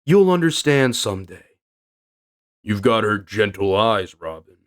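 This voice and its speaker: A kindly old giant man , put on by a man reading a comic aloud, speaking in a low, soft, unhurried voice. He lets out a slow, rumbling chuckle between his words. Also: big pitch swings. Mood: fond. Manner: soft, lower, quieter voice with a slow chuckling laugh. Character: big gentle old male giant, warm-hearted.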